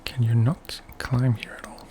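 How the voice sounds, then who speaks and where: A man giving soft-spoken ASMR game commentary in a hushed, whispery voice, musing aloud in short phrases. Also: mid-range voice, level tone, a little slow. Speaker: video game player commentating.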